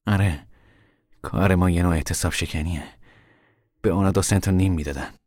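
A man's voice: a little mellow, no room sound, clean studio sound, close to an everyday voice. An actor playing a weary young man on the run who talks in a tired, grim way. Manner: tired, grim, low-voiced.

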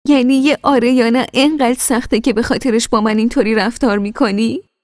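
A woman's voice: high voice, pitched above the performer's own voice, natural voice. A woman voicing a tearful, pleading young wife. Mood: crying. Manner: raised, tearful and insistent.

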